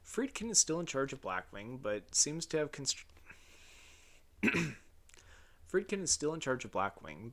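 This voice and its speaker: A man reads through his own video essay script in a raw, unedited take. His voice sits at an ordinary middle pitch. He keeps it casual and wry, swears now and then, and simply starts a sentence over when he flubs it. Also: fairly bright tone. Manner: casual, wry, swears, restarts flubbed lines.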